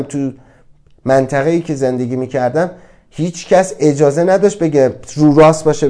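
A man's voice: fairly high pitch, mellow. A man giving a motivational talk, earnest and reflective, asking many rhetorical questions. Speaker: speaker on self-acceptance.

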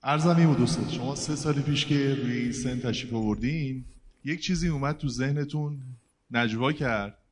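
Formal, deferential middle-aged man. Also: medium pitch. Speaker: audience member asking a question. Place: hall with a stage.

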